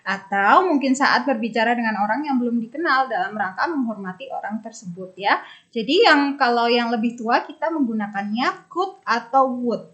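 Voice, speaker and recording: A woman English teacher, explaining phrases in class and repeating them slowly for drilling. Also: on the high side, animated, fairly bright tone, muffled recording. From Indonesia.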